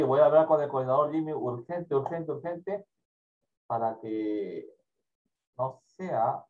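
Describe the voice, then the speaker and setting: A male teacher running an online class for children, patient and repetitive, often trailing off into quiet mumbling, with a Peruvian Spanish accent. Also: a little high. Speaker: primary school teacher. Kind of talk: online class, casual instructions. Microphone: computer mic on video call. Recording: dull lo-fi call audio.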